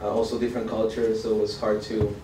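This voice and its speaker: Flat-voiced young man, roomy hall. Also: fairly low pitch, background noise. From Argentina. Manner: halting, many fillers. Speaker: student researcher. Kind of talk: conference presentation. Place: college event hall. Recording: roomy hall, mic far off.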